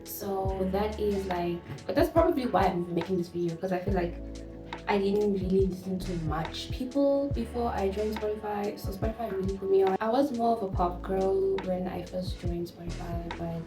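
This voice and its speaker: A woman's voice: medium pitch, moderate pace. Roomy, distant-sounding woman chatting casually. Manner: informal, rambling, slangy. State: tipsy, smoking and drinking. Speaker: music vlogger hosting her own channel. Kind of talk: casual vlog chat to camera. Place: garden with a fan running. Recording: roomy, distant mic, music behind.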